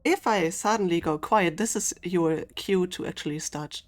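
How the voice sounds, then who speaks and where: A woman, running a tabletop game as game master on a stream, quick and chatty with frequent laughs. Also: lowish voice.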